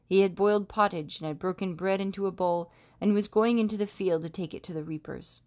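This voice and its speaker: A woman reading a scripture passage aloud in a measured, steady way. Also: medium pitch. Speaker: scripture reader.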